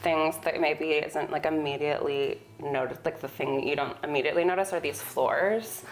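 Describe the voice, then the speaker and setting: An interior designer from Sonoma County, California, being interviewed on a home tour, tells stories casually with informal wording. Her voice is deep, with fairly even intonation and normal speed, and the indoor home recording has a roomy echo.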